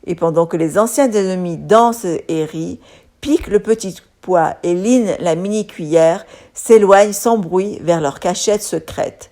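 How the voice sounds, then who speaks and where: A woman's voice: on the low side, measured pace. Woman reading a children's story aloud. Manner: expressive, animated reading.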